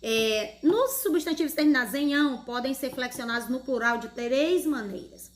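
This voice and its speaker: A woman's voice: sits high, expressive, normal speed. A woman teaching a grammar lesson to schoolchildren in Brazilian Portuguese, patient, explaining step by step and asking questions. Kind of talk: online grammar lesson for children.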